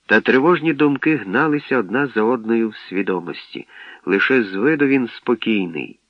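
A man narrating an audiobook in a calm, measured storytelling manner, on a dull lo-fi radio recording. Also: lowish voice, no room sound.

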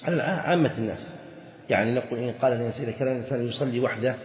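Sheikh lecturing in an echoey hall. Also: male voice, mid-range voice, very fast. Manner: explanatory, repeats key phrases, asks the class questions. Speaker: sheikh teaching Islamic jurisprudence. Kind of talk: classroom lecture explaining a text. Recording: echoey hall, dull lo-fi sound.

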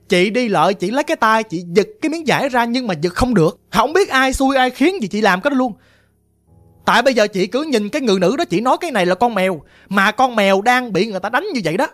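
A woman with a Southern Vietnamese accent narrates a first-person ghost story, piling up vivid detail with emphatic repeats. Faint music plays under her voice. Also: on the high side. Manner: vivid, emphatic, repetitive telling.

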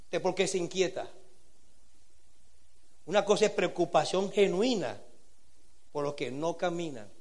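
A man preaching a sermon to young people, earnest, asking rhetorical questions and swinging between quiet and loud passages. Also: sits high, lively intonation, a little slow, pauses often. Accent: Latin American Spanish.

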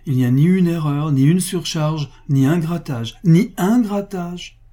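A man's voice: a little high, moderate pace, mellow, voice pushed up, natural voice. A man reading the part of a loyal, honest bookkeeper who speaks earnestly and insistently to his employer. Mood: devoted.

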